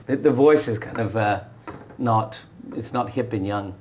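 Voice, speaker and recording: This fairly low, darkish male voice belongs to an author being interviewed on a TV talk show, a native Urdu and Punjabi speaker. He talks quickly but hesitantly, with many restarts, and a little hiss or hum sits under the audio.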